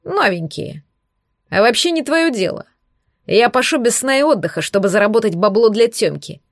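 A woman voicing a drunk, crude husband who slurs, shouts and sneers in an audiobook reading. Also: on the high side, sing-song, moderate pace, dry recording, studio quality. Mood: drunk, abusive. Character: drunk crude bullying husband, adult man.

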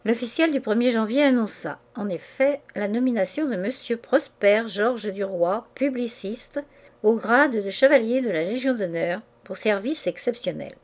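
A woman narrating a classic novel as an audiobook, in a measured, even reading voice. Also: fairly high pitch. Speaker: audiobook reader.

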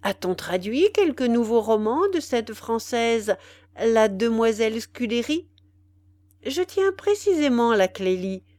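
A woman's voice: a little high, big pitch swings, unhurried, darkish tone, dry recording, studio quality. Woman doing a vain chattering young officer. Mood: boastful chatter. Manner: chattering, boastful.

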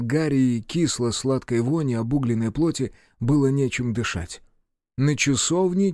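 A male narrator reads dark fantasy in a measured, expressive voice of middle pitch, with a lively rise and fall through each sentence. The recording is dry and close, with no room sound. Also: dry recording. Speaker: audiobook narrator.

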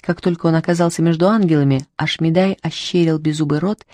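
A narrator reading a fairy tale in a wry, unhurried way, lightly voicing the characters. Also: medium pitch, fairly even intonation, mellow. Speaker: audiobook narrator. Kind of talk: storybook narration.

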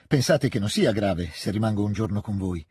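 A man voicing an eager, excitable teenage boy officer who talks in a rush, in a storybook reading. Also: on the low side, husky, no room sound, clean studio sound. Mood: earnest. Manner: rushed, overeager, generous.

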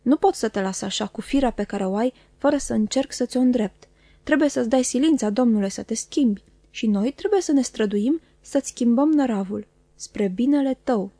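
A woman reading the part of a cold, stern man who speaks slowly and gravely, with commanding authority. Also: a little high, mellow, no room sound. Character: stern, cold middle-aged man, harsh stepfather.

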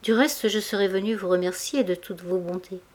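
A woman reading the lines of a young shop girl, calm at first, then pleading in broken phrases. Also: medium pitch, normal speed, lightly acted. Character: young shop girl, gentle but firm.

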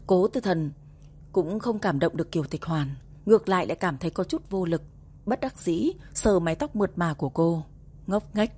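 A woman narrates a romance audiobook in a calm, even delivery. Her voice sits low and sounds warm and mellow, with a steady, unhurried tone. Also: a little hiss or hum. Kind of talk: scripted narration.

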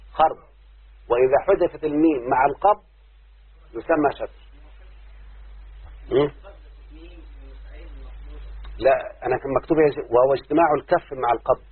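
A man with an Egyptian accent teaching Arabic prosody in a class, explaining step by step and often checking that his students follow. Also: medium pitch. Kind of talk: classroom lesson. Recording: husky lo-fi phone-like recording.

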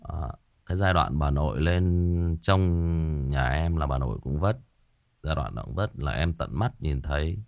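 Male host, very low voice, dry close sound; chatty reminiscing with repetitions. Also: a little slow, gravelly, no echo, phone-quality sound. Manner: chatty, animated when reminiscing, many repetitions. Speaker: ghost story podcast host. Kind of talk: casual reflective storytelling to listeners.

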